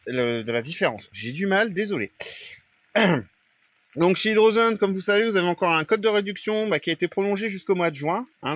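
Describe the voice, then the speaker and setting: A man's voice: fairly high pitch, fairly bright tone, no echo. A man giving a casual gardening tutorial in a greenhouse, chatty and loose, with many fillers and apologies. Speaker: gardening vlogger.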